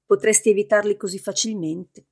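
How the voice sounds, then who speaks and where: A woman's voice: mid-range voice, steady tone, brisk, darkish tone, close to an everyday voice. A woman voicing a male oversoul spirit who has taken the form of a wise old man, speaking in an earnest, reassuring way in an audiobook. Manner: earnest, slightly hurt, reassuring.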